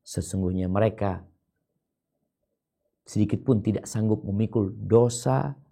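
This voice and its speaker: A man's voice: lowish voice, normal speed, creaky, warm tone. A man preaching a sermon and answering listeners' questions.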